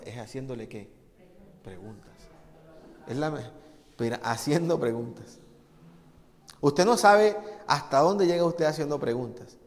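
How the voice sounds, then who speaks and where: Animated male preacher in a reverberant hall. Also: on the high side. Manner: animated, asks rhetorical questions and answers them; acts out the people he quotes. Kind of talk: sermon.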